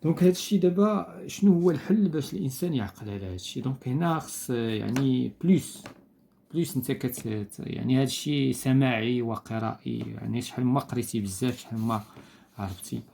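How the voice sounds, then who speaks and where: A male teacher with a Moroccan Arabic accent steps through a textbook exercise at an even pitch for a man. His delivery is patient and methodical. He repeats each example word and pauses on small hesitant fillers. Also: gravelly, slight background noise. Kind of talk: explaining a French textbook exercise.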